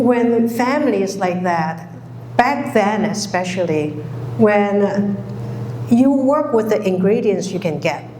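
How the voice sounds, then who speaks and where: A woman who grew up in Hong Kong, giving a public talk, speaking slowly with many pauses and fillers. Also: fairly high pitch, a little mellow, slight background noise. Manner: slow, halting, many fillers. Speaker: guest speaker. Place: lecture hall. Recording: echoey hall recording.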